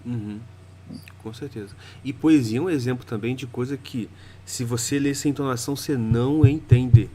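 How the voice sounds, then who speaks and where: A man's voice: medium pitch, moderate pace, slight background noise. A man hosting a podcast, chatting casually and acting out little scenes as he tells stories. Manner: animated, acts out little scenes when telling stories. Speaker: podcast host. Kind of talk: casual chat.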